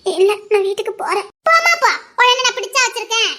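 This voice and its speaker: A woman playing a proud, curt young village woman with a Tirunelveli Tamil accent and a sharp tongue. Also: very high-pitched, lively intonation, fast talker, exaggerated voice. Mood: bickering. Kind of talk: amateur drama skit.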